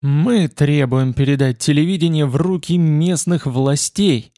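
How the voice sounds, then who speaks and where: A man voicing a forceful male protest leader who speaks loudly, commandingly and pressingly in an audiobook. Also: a little high, measured pace, no echo, clean studio sound. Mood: insistent.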